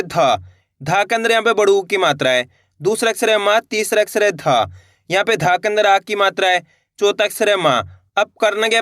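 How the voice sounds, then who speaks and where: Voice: medium pitch, a bit bright, no echo, studio quality. A teacher giving a beginner reading lesson, sounding out each syllable and then blending the whole word, talking to viewers as friends. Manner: addresses viewers as friends, encouraging.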